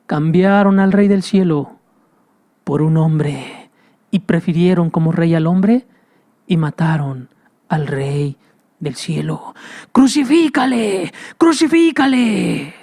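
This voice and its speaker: A man's voice: fairly high pitch, fairly even intonation, takes it slowly, long pauses, warm tone. A man preaching a sermon with passion, repeating phrases and speaking straight to the listener. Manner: impassioned, repetitive, addresses listener directly.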